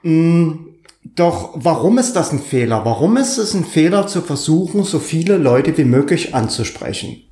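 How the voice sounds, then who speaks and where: A man's voice: a little high, very animated, normal speed, dark tone. A male podcast co-host with a sonorous, velvety voice, explaining thoughtfully in conversation and repeating phrases for emphasis. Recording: roomy, echoing sound.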